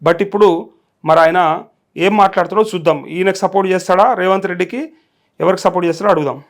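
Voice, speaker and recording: A man's voice: high-pitched, quick pace. A man with a Telangana accent reading and commenting on news as a live host, in a challenging, questioning manner. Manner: challenging, rhetorical questioning of viewers. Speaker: journalist hosting a live call show.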